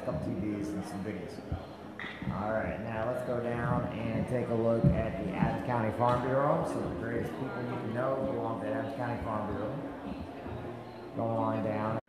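Moving between the outdoors and a big crowded fair barn, this man streams live and keeps up upbeat, chatty, promotional commentary. His medium-pitched voice runs a little fast with fairly even intonation, amid heavy reverb and a loud crowd.

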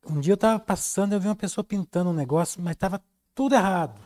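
A man's voice: sits high, fast talker, darkish tone. Chatty Brazilian man teaching painting. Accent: Brazilian Portuguese. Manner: chatty, storytelling, reads viewer comments. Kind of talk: live-stream painting lesson.

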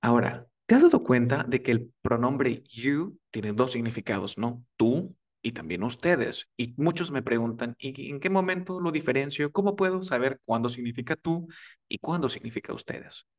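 A man's voice: mid-range voice, animated, moderate pace, distant mic. A man giving a casual spoken English lesson, repeating words for drills and checking in often. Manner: coaching, repeats words for drills, asks "¿vale?". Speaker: English teacher.

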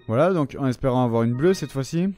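A man's voice: mid-range voice, mellow. A man giving casual gameplay commentary, chatting loosely, swearing often and talking to the enemies on screen. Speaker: gaming channel host.

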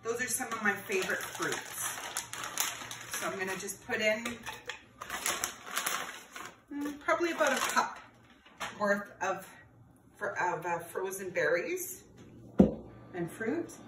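In her home kitchen, a woman teaches kids a cooking class, friendly and explaining each step while she prepares food, calling her viewers friends. Her mid-range voice is animated, slow, and full of pauses. A camera across the counter with no visible mic captures roomy, distant audio with background noise.

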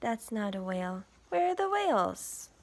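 A woman with a mid-range voice reads a picture book aloud to young children in a teacherly way, very animated and expressive, posing questions and slipping into hushed, breathy asides at a normal speed. A slight hiss or hum can be heard in the recording.

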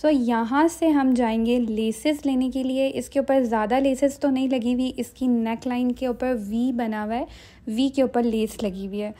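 A young Pakistani vlogger narrates her shopping vlog in a chatty way, mixing in English phrases as she explains the prices step by step. Her voice is fairly high, warm and steady, at a moderate pace.

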